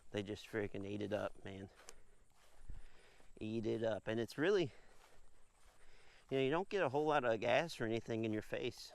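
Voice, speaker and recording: A man hosting a casual shooting vlog outdoors, talking in a relaxed, rambling way with lots of fillers. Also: on the low side, normal speed, gravelly, pauses often. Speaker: firearms channel host.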